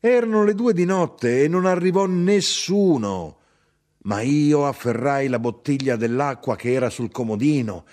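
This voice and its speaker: A man reading aloud, voicing a feisty older mother who talks bluntly and with pride in a lively, animated way. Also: medium pitch, measured pace, voice pushed up, close to an everyday voice. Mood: brisk, spirited. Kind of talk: audiobook reading.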